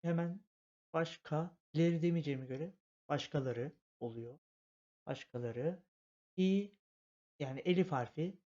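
A man's voice: fairly high pitch, measured pace, pauses often, warm tone. Patient man teaching letter by letter. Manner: patient, repetitive, step-by-step explanation. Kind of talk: spelling out letters in a language lesson. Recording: dull lo-fi home recording.

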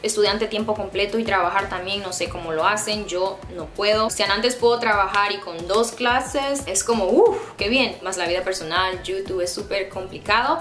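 A woman's voice: mid-range voice, a bit bright. Young honduran woman chatting to her camera, playful, echoey room, bit of music under her. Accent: Honduran Spanish. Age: 20s. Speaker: YouTuber. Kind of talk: casual vlog chat to camera. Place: small indoor room by a plain grey wall.

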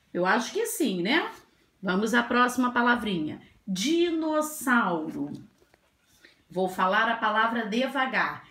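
Woman teacher, unhurried and gentle with small children, recorded in a roomy echoing space. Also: on the high side. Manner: slow, drawn-out, gentle teacher talk with diminutives. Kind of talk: slow grammar lesson for children. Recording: echoey room.

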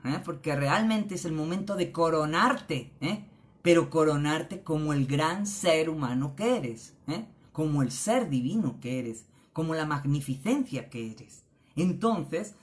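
Woman, middle-aged, spiritual speaker; earnest and a little low-pitched. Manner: earnest, tags phrases with "¿eh?". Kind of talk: spiritual motivational talk.

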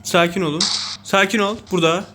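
A young man with a Turkish accent giving excitable, self-mocking commentary over mobile game play. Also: high voice, fairly quick, heavy background noise. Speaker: gaming YouTuber.

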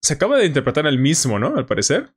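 A man with a Mexican Spanish accent giving casual, animated reaction commentary on someone's English. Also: on the high side, fast, slightly rough. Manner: animated, enthusiastic, frequent fillers. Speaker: YouTuber analyzing English.

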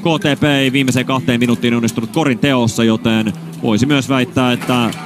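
A man's voice: medium pitch, over music. Man calling a basketball game. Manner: rapid name calls, bursts of excitement on baskets. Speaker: play-by-play commentator. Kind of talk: live basketball commentary.

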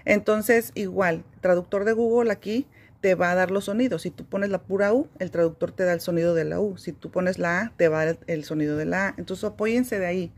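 A woman with a slightly low voice walks through a reading lesson step by step. She talks in an easygoing, explanatory way, pausing on fillers as she goes. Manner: relaxed, explanatory, frequent fillers. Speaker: homeschooling teacher.

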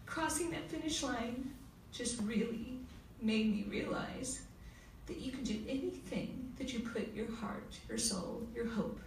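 A woman panelist telling a heartfelt personal story with many pauses, recorded in a school hall. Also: on the high side. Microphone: table mic heard from far camera. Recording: echoey hall from far off, faint noise.

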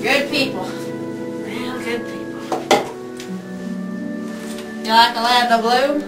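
Girl acting as folksy wild west saloon lady, high voice, echoey room, far from mic. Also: fairly even intonation, slow, over loud music. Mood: folksy, chatty. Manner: folksy Western talk. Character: folksy Old West saloon keeper woman. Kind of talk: amateur Western parody acting. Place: basement den at home. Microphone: camcorder across the room. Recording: roomy, distant camcorder sound.

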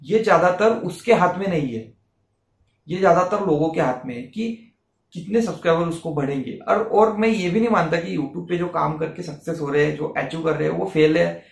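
A man's voice: fairly high pitch, gravelly, roomy sound. A man giving an earnest motivational talk to camera, explaining his points with repeated examples. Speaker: self-help YouTuber.

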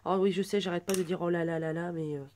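A woman in her twenties chatting through an unboxing at home, gushing with soft exclamations. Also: fairly low pitch, fairly even intonation, fast, a little hiss or hum. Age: 20s. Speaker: vlogger unboxing a birthday gift. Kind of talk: casual unboxing chat.

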